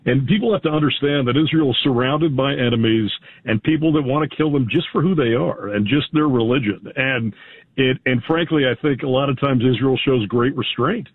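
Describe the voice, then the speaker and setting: A man from the United States calling in to a radio show, earnest and halting, often restarting his sentences. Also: mid-range voice. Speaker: caller. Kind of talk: phone-in call. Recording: tinny phone line.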